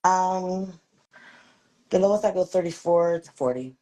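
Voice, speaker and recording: A woman in her thirties answering a dating show host's questions, halting and hesitant, often pausing on an um. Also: lowish voice, warm tone. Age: 30s. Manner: hesitant, halting, many ums. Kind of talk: casual interview answers.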